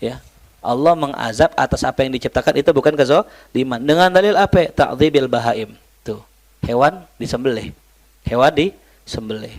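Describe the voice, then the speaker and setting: This religious study lecture comes from a man with a medium-pitched voice at a moderate pace. He teaches Islamic studies in a lively, joking style, switching between Arabic recitation and casual Jakarta slang aimed at his students.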